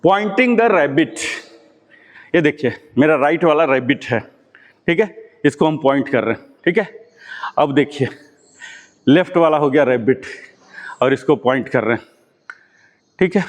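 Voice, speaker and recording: A man's voice: mid-range voice, moderate pace, pauses often, long reverb tail. A man leading a live brain-exercise class, patiently coaxing and repeating cues. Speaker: exercise instructor.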